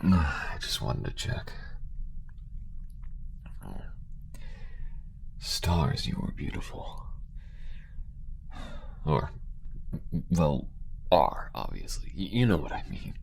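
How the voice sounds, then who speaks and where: Giving an animated, full character voice, a man plays a devoted, gruff alien smuggler in an intimate audio roleplay. His deep, gravelly delivery is halting, tender and frequently hushed, and a faint hiss or hum is audible.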